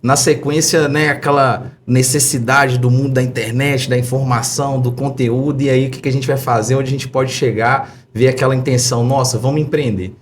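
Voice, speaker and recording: Appearing as a podcast guest, a roughly forty-year-old tech entrepreneur from Belo Horizonte speaks with a Minas Gerais accent. He is effusive and anecdotal, tossing in tag questions often, and talks briskly with few pauses in a medium-pitched voice with fairly even intonation. A slight hiss or hum is audible.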